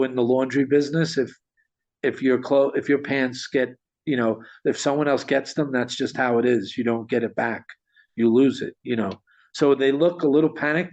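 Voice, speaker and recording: A man telling a story in conversation, animated, with frequent restarts and small chuckles. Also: medium pitch. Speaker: guest storyteller. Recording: dull lo-fi sound.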